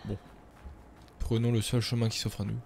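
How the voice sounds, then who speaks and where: A man's voice: medium pitch, little pitch movement, fast talker, vocal fry, a little mellow, slight background noise. A man streaming a game, chatting casually with viewers and cracking self-mocking jokes. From France. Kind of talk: casual gameplay commentary.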